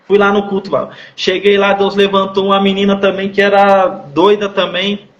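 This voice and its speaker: Man, high voice, flat delivery, earnest testimony, echoey muffled room. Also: moderate pace. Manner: repetitive, earnest storytelling with church slang. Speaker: guest sharing his testimony. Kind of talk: emotional personal testimony.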